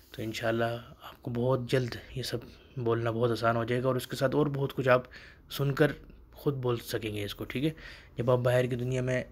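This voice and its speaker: Guy teaching arabic phrases, pretty flat voice, says them slow and repeats. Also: medium pitch. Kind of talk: casual spoken lesson.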